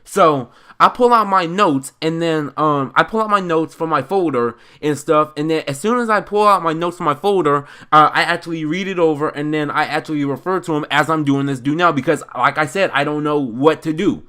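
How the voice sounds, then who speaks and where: A young American man from Chicago telling a story as a casual, animated rant, in an emphatic, indignant, slangy and rambling way. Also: fairly high pitch, brisk, hardly any pauses. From Chicago, United States.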